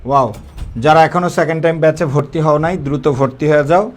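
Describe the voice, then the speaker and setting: A man's voice: a little high, steady tone, quick pace. A male teacher giving a live online grammar class, often repeating key points and quizzing his students, with English words mixed into casual talk. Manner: colloquial, mixing in English words.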